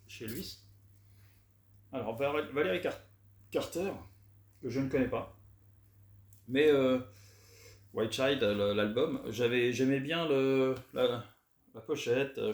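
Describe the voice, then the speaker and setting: A man chatting casually as he shows off his record finds, relaxed and hesitant with many fillers. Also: mid-range voice. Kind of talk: casual unboxing chat. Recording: roomy echo, faint noise.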